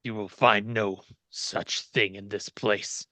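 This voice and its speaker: A man's voice: fairly low pitch, steady tone, pushed and bright, no room sound. A man as game master narrating in character, voicing a proud, bitter, centuries-old fallen fantasy king with haughty, menacing delivery. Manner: haughty, menacing, slow declamation.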